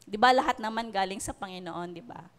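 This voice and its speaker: A woman's voice: mid-range voice, a little fast, fairly bright tone, in a large hall. A woman preacher with a Filipino accent gives a sermon, reading scripture and checking in with the congregation with "okay?" and "di ba?". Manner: punctuates with "okay?" and "di ba?".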